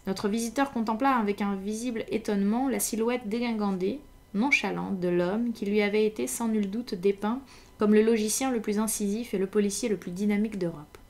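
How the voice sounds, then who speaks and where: A woman reading a classic detective story aloud in French, with measured, attentive narration. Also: medium pitch. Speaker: audiobook reader.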